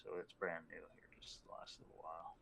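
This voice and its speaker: A man with a lowish voice and a bright, pushing edge joins a casual chat. He talks freely and lets his sentences fade out toward the end. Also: flat delivery, brisk, creaky, a little hiss or hum, rough recording.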